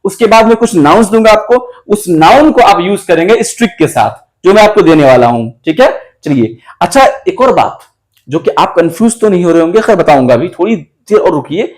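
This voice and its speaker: A man's voice: high voice, expressive, darkish tone. A man, teaching a classroom lesson. He drills sentences word by word and talks to his students as if they were children. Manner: explains slowly, addressing students as children. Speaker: English teacher.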